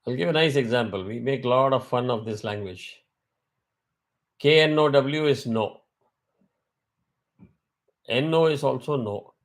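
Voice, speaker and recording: A man's voice: mid-range voice, unhurried, pauses often. Guy teaching a vedic class on a video call, patient, asks students stuff.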